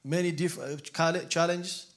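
A man in his forties gives his testimony in English at a church, in short halting phrases with pauses. His voice sits a little higher than most men's, and he often repeats a word while searching for the next one. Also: steady tone, fairly bright tone. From Ethiopia. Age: 40s. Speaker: guest speaker.

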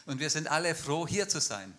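A man interpreting a speaker line by line at a church, fluent and quick. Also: fairly high pitch, sing-song, fairly bright tone. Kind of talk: live consecutive interpreting in a church.

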